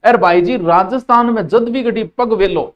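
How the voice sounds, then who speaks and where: A man's voice: high voice, moderate pace, highs cut off. A man with a Rajasthani accent teaching a live exam-prep class. He drills key terms by repeating them.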